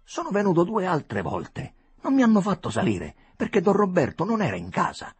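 A man's voice: high voice, wildly swooping pitch, normal speed, breathy edge, no room sound, pitched above the performer's own voice, exaggerated voice. A man reading a story aloud, voicing a blunt, loyal old veteran who asks insistent questions.

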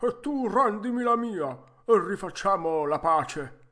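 A man voicing a hot-tempered old woodcarver in a storybook reading, loud and theatrical. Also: a little high, lively intonation, voice pushed up. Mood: indignant. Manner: loud, theatrical, quick to anger.

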